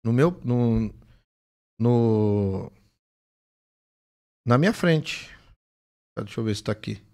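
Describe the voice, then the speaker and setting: Animated gravelly pastor. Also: male voice, mid-range voice, takes it slowly. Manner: animated storytelling, acts out dialogue. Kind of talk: casual testimony in a conversation.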